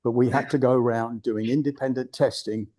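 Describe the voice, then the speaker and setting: An older man from the United Kingdom, a guest speaker at a club, gives an informal presentation in a blunt, digressive way, often restarting his sentences. His voice is medium-pitched, steady and warm, and he talks a little fast.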